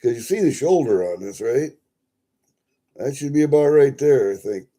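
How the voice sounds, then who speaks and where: A man chatting casually to viewers as a livestream host, folksy and sweary, thinking out loud as he goes. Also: medium pitch, lively intonation, normal speed. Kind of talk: casual rambling chat to viewers.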